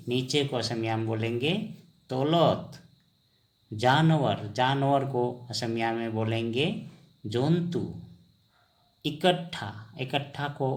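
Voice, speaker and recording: A man teaching vocabulary on a screen-recorded lesson, repeating each word and asking and answering his own questions. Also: mid-range voice. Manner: slow, repetitive drilling, asks and answers his own questions. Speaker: language teacher.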